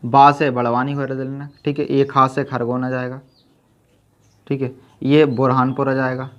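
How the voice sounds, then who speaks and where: A man's voice: mid-range voice, completely flat delivery, measured pace. A man teaching an exam-prep lesson with memory tricks, who keeps saying "okay" and quizzes the listener as he goes. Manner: repeats "ठीक है" and quizzes the viewer. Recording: dull lo-fi sound.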